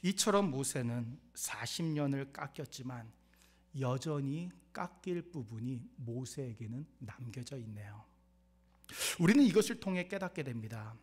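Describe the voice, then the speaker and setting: A man's voice: mid-range voice, animated, measured pace, husky. A male pastor preaching a sermon, asking the congregation questions and acting out God's lines.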